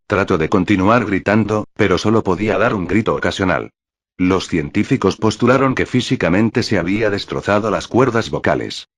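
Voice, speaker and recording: Man, deep voice, horror story narration, steady and measured. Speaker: creepypasta narrator.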